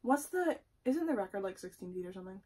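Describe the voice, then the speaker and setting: A woman's voice: mid-range voice, lively intonation, fast talker, a little mellow, slightly rough. A young woman chatting casually and teasingly as co-host of a challenge vlog in a room at home. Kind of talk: casual chat. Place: small room at home, indoors.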